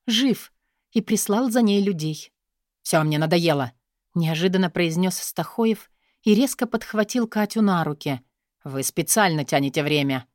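A woman narrating an audiobook in an expressive, steady storytelling manner. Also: fairly low pitch, no echo, clean studio sound. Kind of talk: scripted narration.

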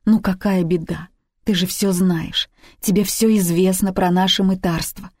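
A woman's voice: lowish voice, fairly even intonation, unhurried, no echo, clean studio sound. A woman reading the part of a desperate daughter around thirty who pleads urgently and emotionally with her mother in a story. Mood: pleading.

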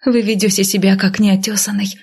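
Audiobook: proud young noblewoman, read by a woman, tense breathy whispers, gravelly edge. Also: medium pitch, level tone, brisk, a little mellow.

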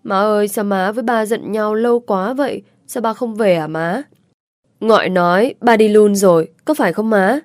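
A woman's voice: medium pitch, moderate pace, no room sound, studio quality, natural voice. A woman voicing a small boy in an audiobook story, pleading and questioning his mother. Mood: sulky. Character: little boy, clingy and curious.

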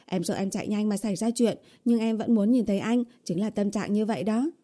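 Casting: woman reading a pleading young woman in an audiobook, coaxing and whiny, with a mellow dark tone. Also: mid-range voice, brisk, natural voice. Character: young woman, coaxing and whiny, sweet-talking her boyfriend. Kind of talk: audiobook character voice.

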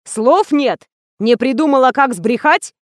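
A woman voicing a cold, contemptuous rich man in an audiobook, scolding loudly. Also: a little high, expressive, no echo, clean studio sound, close to an everyday voice. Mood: furious. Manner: loud, slow, scornful ranting.

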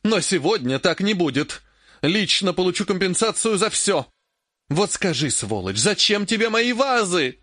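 A man reading an audiobook, voicing a furious, grasping old woman mage in a raised, shrill, scolding voice. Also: lively intonation, moderate pace, fairly bright tone, no echo, clean studio sound. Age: older.

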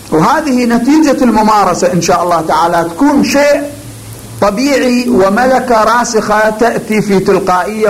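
A man, a cleric, giving a religious lecture on the craft of preaching, speaking deliberately and emphatically with pauses before key words. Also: high voice, rough recording.

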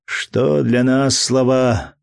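A man reading an audiobook, voicing an earnest, emotional young man deeply in love in a fervent, slow delivery. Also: fairly even intonation, creaky, darkish tone, clear, resonant tone, no room sound, studio quality.

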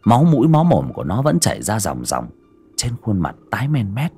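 A man's voice: wildly swooping pitch, a little fast, mellow, husky, faint music behind. A man narrating a horror audiobook with dramatic, suspenseful delivery. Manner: dramatic, swinging pitch for suspense. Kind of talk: scripted horror story narration.

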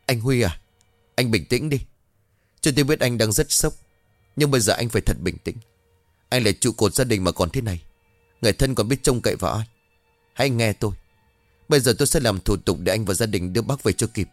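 A man voicing a measured, formal doctor who breaks bad news in a story. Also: fairly low pitch, no echo, soft background music, close to an everyday voice. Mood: solemn. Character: calm middle-aged male doctor.

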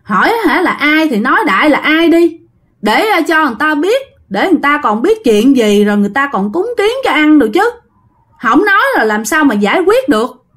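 Woman doing a cranky old mother-in-law, high and snappy. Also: sing-song, a little fast, a bit bright. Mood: scolding. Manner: scolding, exasperated. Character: irritated old mother-in-law, sharp-tongued.

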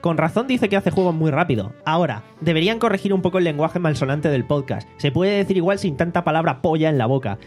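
Animated man, fairly high voice. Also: fast, hardly any pauses, faint music behind. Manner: animated, swearing, mocking. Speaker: podcast host. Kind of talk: casual podcast chat, reading listener comments. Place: home studio.

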